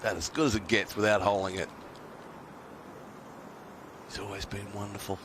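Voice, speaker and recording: A man's voice: fairly low pitch, level tone, normal speed. A man giving live golf commentary in short, clipped phrases. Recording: clear outdoor ambient noise.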